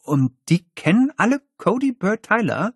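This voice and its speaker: A man's voice: high-pitched, big pitch swings, moderate pace, husky, dry recording, studio quality, voice pushed up, heavily acted. A man voicing a sly, easygoing prankster schoolboy in an audiobook, with a casual, offhand way of talking.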